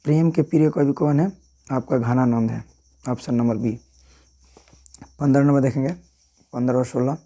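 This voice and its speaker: A man's voice: medium pitch, steady tone, normal speed, pauses often, warm tone. A man, talking through exam answers as a teacher in a casual way and often checking in with "thik hai" and "right".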